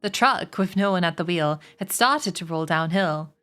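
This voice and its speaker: A woman reading a children's novel aloud on a stream, slowing and lifting her voice for the characters' lines. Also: fairly low pitch, animated, pushed and bright, clear, resonant tone, soft background music. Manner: slows and lifts her voice for quoted characters.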